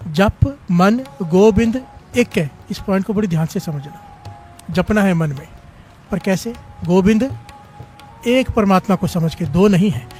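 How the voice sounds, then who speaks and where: A man's voice: sits high, moderate pace, pauses often, a little mellow, soft background music. A man preaching a sermon, fervently leading the congregation in call-and-response chants. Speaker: preacher at a devotional gathering.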